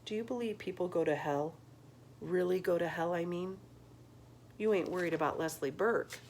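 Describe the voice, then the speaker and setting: A woman's voice: fairly low pitch, moderate pace, a little mellow, a little hiss or hum, natural voice. A woman reading a novel aloud, voicing a grieving fifth-grade boy who cries out in raw, raised outbursts. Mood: bold, questioning.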